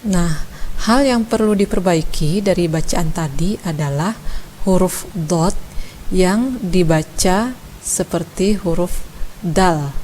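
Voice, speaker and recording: A woman teaching Quran recitation from Indonesia, explaining letter sounds slowly and demonstrating them. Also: lowish voice, darkish tone, a little hiss or hum. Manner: slow, measured, demonstrating sounds. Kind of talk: instructional explanation.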